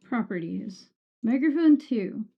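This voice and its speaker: A woman's voice: a little high, expressive, slow, gravelly, husky. A woman chatting casually on a livestream in a sweary, self-deprecating way, with harsh, sibilant S sounds. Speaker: streamer. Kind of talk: casual livestream chat with viewers. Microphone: streaming microphone with EQ and compressor. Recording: muffled, dull microphone sound.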